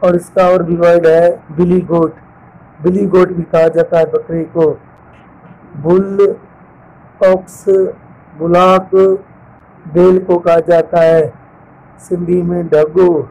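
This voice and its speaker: Slow, flat-voiced man teaching vocabulary. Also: high voice, low-quality recording. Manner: lists word pairs with translations, slow and deliberate. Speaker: English teacher.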